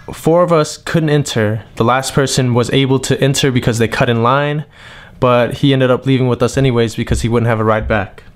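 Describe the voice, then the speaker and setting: A young man from New England gives a frustrated monologue, complaining at length and then reading out a list of cards in a flat voice. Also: mid-range voice, clear, resonant tone. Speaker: card game vlogger. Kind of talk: monologue rant and tournament report.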